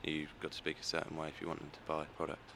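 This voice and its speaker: A man who works in a tailor's shop, giving quick, practical answers in a street interview. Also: a bass voice, monotone, noisy background.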